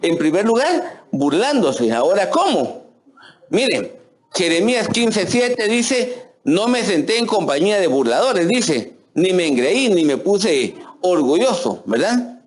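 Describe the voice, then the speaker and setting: A man's voice: high-pitched, very animated, a little slow. A middle-aged man with a Guatemalan accent preaching a conversational sermon, folksy, often calling listeners "hermano" and restarting his sentences. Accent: Guatemalan Spanish. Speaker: pastor.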